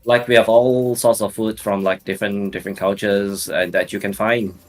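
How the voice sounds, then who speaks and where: A man's voice: fairly low pitch, level tone, normal speed. A man from Singapore, calling in as a guest and talking thoughtfully in casual chat. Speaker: guest caller.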